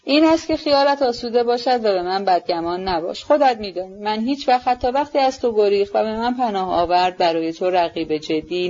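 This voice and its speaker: A woman reading a sincere, gentle young prince in a storybook reading. His speech stays earnest and steady at a middle pitch. The recording is dull and lo-fi. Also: natural voice.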